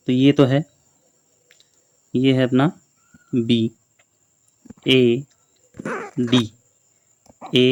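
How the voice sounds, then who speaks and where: A male teacher giving a slow, patient lesson on letters to young children, repeating each letter and word many times. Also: mid-range voice, darkish tone, dry recording.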